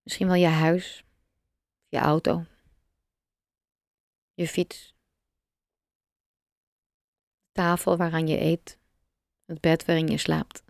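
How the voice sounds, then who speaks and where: A woman guiding a meditation, speaking slowly and softly with long pauses. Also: sits low, creaky, no room sound, clean studio sound. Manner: slow, soft and calm, with long pauses. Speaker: meditation guide. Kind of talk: guided meditation.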